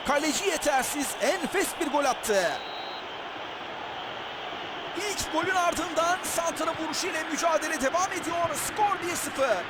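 A man doing excited, dramatic football play-by-play commentary, shouting emphatically and screaming at big moments. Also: very high-pitched. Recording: very loud noise behind the voice.

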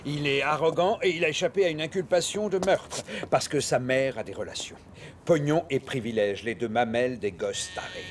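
A man in his fifties playing a gruff, wily police inspector in a dubbed TV crime drama, with a dry, sardonic manner. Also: medium pitch, moderate pace, lightly acted. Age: 50s. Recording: noisy TV soundtrack with background ambience.

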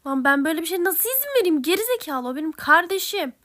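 A woman's voice: very high-pitched, sing-song, fast talker, voice pushed up, exaggerated voice. A woman voicing a hot-tempered, protective teenage older brother who barks rude threats. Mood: outraged. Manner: shouting threats, blunt and rude.

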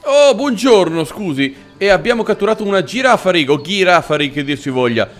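Lively high-voiced man cursing through a game. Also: a little fast, faint music behind. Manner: excitable, swears a lot, chats with game creatures; jumps into squeaky cooing over cute creatures. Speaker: gaming channel host. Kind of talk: let's play gameplay commentary.

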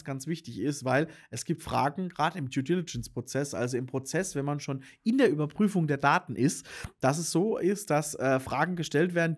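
A man who runs a business consultancy, explaining earnestly and addressing the viewer directly, with frequent fillers and restarts. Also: on the high side. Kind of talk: explainer monologue to camera.

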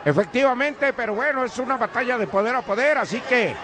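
A man's voice: very high voice, fairly quick. A man with a Mexican accent giving opinionated, argumentative live wrestling commentary. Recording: distant, echoey arena with crowd noise. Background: loud arena crowd.

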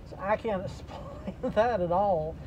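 High-voiced man talking through face masks. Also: a little slow, a little mellow. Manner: matter-of-fact, explaining step by step. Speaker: delivery driver vlogger. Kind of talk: casual vlog talk to camera. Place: inside a parked delivery vehicle. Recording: noisy vehicle ambience.

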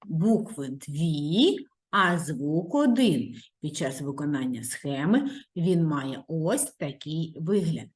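Female primary teacher, lowish voice with a very lively melody, sing-song and drawn-out for small children. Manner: sing-song, drawn-out sounds, rhyming warm-ups. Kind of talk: recorded video lesson for young children.

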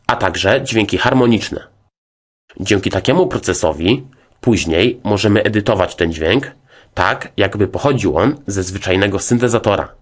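Here the same kind of scripted music software lesson is narrated by a man whose voice sits on the low side. He explains each point formally and step by step.

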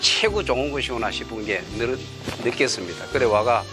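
An older man in his sixties talks casually in a Gyeongsang accent. His pitch is average, and music plays clearly behind him. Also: expressive, brisk. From rural Cheongsong, South Korea. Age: 60s or older. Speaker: village senior center secretary. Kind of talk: casual self-introduction and reminiscing.

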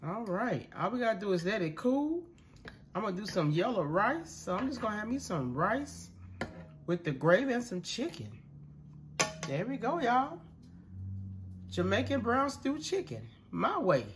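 A congested man narrating a casual cooking video from his home kitchen, relaxed and chatty, talking to viewers as y'all. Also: sits high, measured pace, pauses often, a little hiss or hum. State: congested, coughing. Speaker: home cook.

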